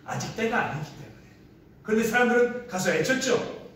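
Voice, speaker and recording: High-voiced pastor in an echoing hall. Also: male voice, expressive, fairly quick, fairly bright tone. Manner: asks the congregation questions and acts out quoted lines. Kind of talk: sermon. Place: large echoey hall used for a church service. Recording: very echoey room, voice from far off the mic.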